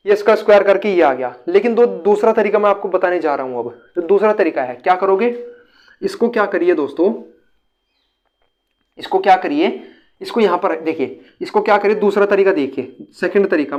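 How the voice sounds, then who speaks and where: A man's voice: high-pitched, highs cut off. A man teaching a step-by-step math lesson, often repeating himself and calling his viewers friends.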